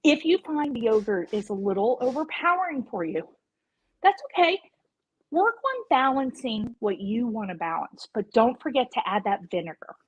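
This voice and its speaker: A woman's voice: a little high, big pitch swings, normal speed, husky, lo-fi sound. Chatty woman chef on a video call. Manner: chatty, playful, upbeat instruction. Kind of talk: live virtual cooking class.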